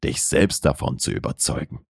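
A man voicing a calm, teasing young man who murmurs his lines low and unhurried in an audiobook romance. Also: dry recording, clean studio sound, natural voice.

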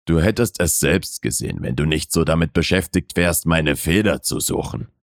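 A man voicing a calm, teasing young man who murmurs his lines low and unhurried in an audiobook romance. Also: vocal fry, dry recording, studio quality, full character voice.

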